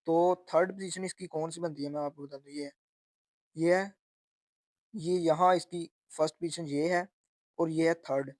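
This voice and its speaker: A man explains textbook vocabulary, slowly repeating each word and its meaning. His voice sits a little high. The recording is close and dry, with no room sound. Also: fairly even intonation, a little mellow, no room sound. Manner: slow and repetitive, spelling out sounds and meanings. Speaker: language teacher.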